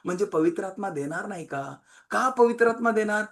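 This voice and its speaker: A man preaching a sermon, emphatic, swinging between loud and quiet and repeating phrases in long lists. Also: high voice, animated, fairly quick.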